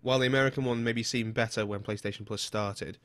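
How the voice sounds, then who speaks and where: A man's voice: on the low side, steady tone, fast talker, fairly bright tone, no echo, clean studio sound. A man co-hosting a casual podcast chat, chatty and casually profane. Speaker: podcast co-host.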